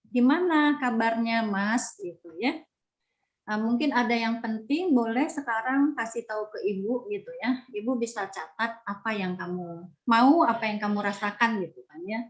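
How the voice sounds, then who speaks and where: Woman, high voice, dull lo-fi call audio, webinar advice talk. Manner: warm, repetitive, peppered with "ya". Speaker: speaker.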